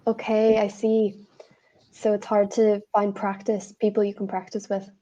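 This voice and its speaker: The audio is dull, but the young woman's medium-pitched voice comes through warm, with little pitch movement. She's an Irish online English tutor with an Irish accent, running a casual video-call conversation lesson full of friendly, encouraging replies and quick affirmations.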